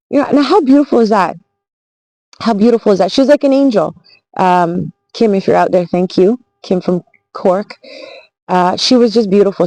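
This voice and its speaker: A woman's voice: mid-range voice, a little mellow, dry recording, rough recording. Earnest rambling woman travel vlogger. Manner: earnest, reflective, rambling with restarts. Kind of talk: casual storytelling vlog.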